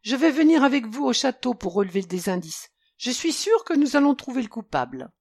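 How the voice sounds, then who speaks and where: A woman's voice: a little high, a little fast, no echo, clean studio sound, pitched above the performer's own voice. Woman voicing a clever detective prince. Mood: inquisitive. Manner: calm, inquisitive, reassuring.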